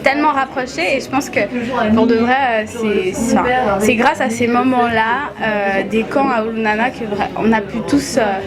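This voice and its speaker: A woman's voice: fairly high pitch, moderate pace, a loud crowd. A young woman in a documentary interview, speaking hesitantly with many restarts. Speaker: dance group member. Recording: music loud behind.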